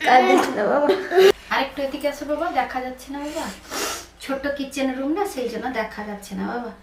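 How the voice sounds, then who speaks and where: High-voiced woman soothing in an echoey kitchen. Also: quick pace. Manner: soothing, repeatedly comforting and pleading. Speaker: vlogger and mother. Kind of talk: daily home vlog. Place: small home kitchen. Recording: echoey room with loud background noise.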